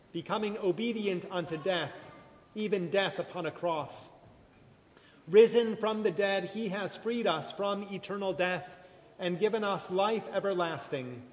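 A man leading formal church liturgy as pastor, solemn and measured, his voice ringing with cathedral-like echo in a large church. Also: sits high. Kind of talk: formal liturgical prayer recitation. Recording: long church reverb, cathedral-like echo, faint noise.

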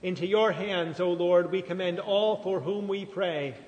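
A man leading formal church liturgy as pastor, solemn and measured, his voice ringing with cathedral-like echo in a large church. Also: high-pitched, a little mellow, dull audio. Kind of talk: formal liturgical prayer recitation. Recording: long church reverb, cathedral-like echo, faint noise.

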